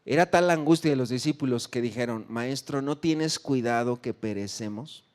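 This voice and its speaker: A man preaching a sermon as pastor, acting out the pleas of the faithful with sudden rises in voice. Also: normal speed. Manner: emphatic, acts out pleas with sharp rises in pitch and volume.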